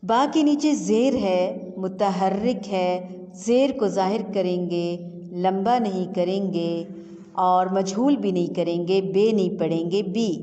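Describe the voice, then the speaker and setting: A woman teacher leading a slow recitation lesson, spelling out syllables patiently and drawing out each sound. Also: mid-range voice, dark tone. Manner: patient, drawn-out syllable drills. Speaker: Quran reading teacher. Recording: long reverb with faint music.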